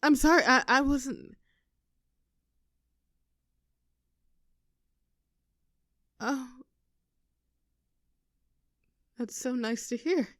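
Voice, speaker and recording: In an intimate roleplay audio drama, a woman plays an affectionate, teasing girlfriend with a vulnerable streak, her mood tender and exposed. She teases but turns halting when earnest, in a high, fairly bright voice with no room sound.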